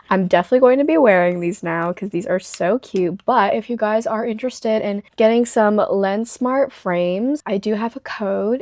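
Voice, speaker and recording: A young woman with a slight lisp from her retainers, chatting casually and gushing in a book vlog. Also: medium pitch. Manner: bubbly, gushing, quick bursts of excitement. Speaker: book vlogger. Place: bedroom at night.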